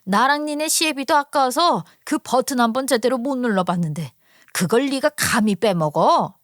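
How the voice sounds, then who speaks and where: A woman's voice: medium pitch, moderate pace, no echo, studio quality, lightly acted. Nagging, stingy older mother-in-law in an audio story, voiced by the female narrator, harsh and bossy. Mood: scolding.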